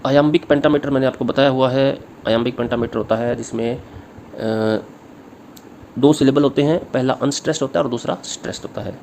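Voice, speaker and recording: Male teacher going over exam notes, reads english lines real slow then explains in hindi, bit of hiss behind. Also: medium pitch, fairly even intonation, creaky, a little mellow. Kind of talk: exam-prep literature lecture. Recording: faint background noise.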